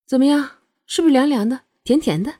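A woman's voice: high-pitched, fairly quick, dark tone, pitched above the performer's own voice. A woman voicing a proud young noblewoman who talks in a teasing, needling way in an audiobook. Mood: coy. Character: young noblewoman, sly, proud and sharp-tongued.

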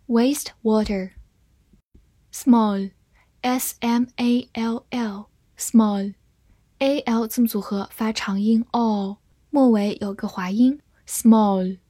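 Slow, breathy woman teaching English words. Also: medium pitch, mellow, no room sound, studio quality. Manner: slow, deliberate spelling and repetition of English words. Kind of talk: scripted vocabulary lesson.

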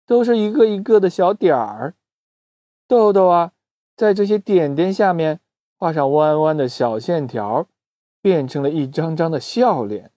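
A storyteller narrating a children's story who speaks straight to young listeners with gentle teasing. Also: mid-range voice, dry recording.

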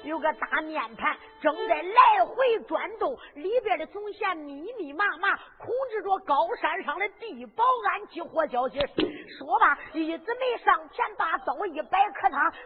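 A woman's voice: very high-pitched, expressive, moderate pace, few pauses, over music. A woman ballad storyteller with a Henan accent, performing a zhuizi tale in a rhythmic, dramatic way with punchy sound effects. The recording sounds tinny, with long hall reverb.

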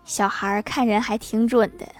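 A woman tells short comic anecdotes in a scripted narration style. Her voice sits fairly high, and she adds a deadpan remark after each punchline. Faint music plays under her voice. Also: moderate pace. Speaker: joke-telling narrator.

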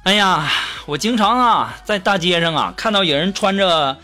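A man hosting a comedy podcast tells funny anecdotes with lively storytelling, acting out the voices in them. His voice is high-pitched and moves at a moderate pace, with a music bed under it.

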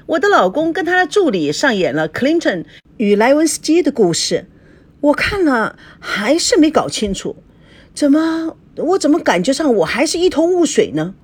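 A woman voicing a furious, betrayed young wife who talks in a shrill, cutting, accusing way, reading a storybook. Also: sing-song, moderate pace. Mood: sarcastic.

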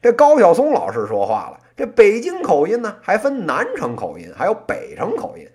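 Here the late-thirties host, Beijing accent intact, uses a slightly mellow, medium-pitched voice whose pitch swoops wildly, at an ordinary pace. It's a colloquial one-person crosstalk routine, heavy on erhua and interjections.

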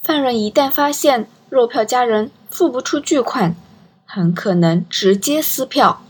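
A woman reading a crime story aloud, her voice fairly high with a husky, breathy edge. She tells the story at a steady pace. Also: unhurried. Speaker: narrator. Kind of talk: audiobook narration.

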